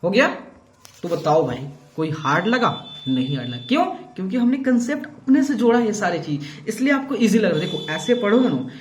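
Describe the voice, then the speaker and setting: A man's voice: high-pitched, a little hiss or hum. A man teaching a math lesson to students. He talks in a coaxing, encouraging way and keeps repeating himself to prompt them. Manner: coaxing and repetitive, calls the viewer "bhai" and "dost"; upbeat and encouraging. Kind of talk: classroom lesson explaining to students.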